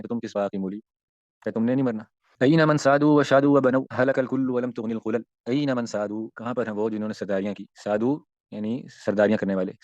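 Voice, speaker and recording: A man's voice: mid-range voice, darkish tone, no room sound, muffled recording. A man, teaching an Islamic class and explaining Arabic verses, with many rhetorical questions and emphatic rises and falls.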